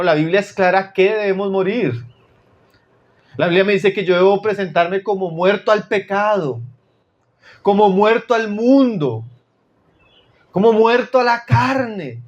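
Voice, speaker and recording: Addressing the congregation as brothers, this Chilean preacher drops into low, intense tones whenever he wants emphasis. The audio sounds dull.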